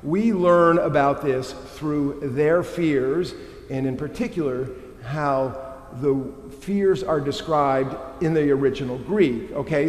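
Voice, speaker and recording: A middle-aged man preaching a sermon as a pastor, animated and tossing in rhetorical questions. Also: fairly high pitch. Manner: animated, frequent rhetorical "right?". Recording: echoey hall with long reverb.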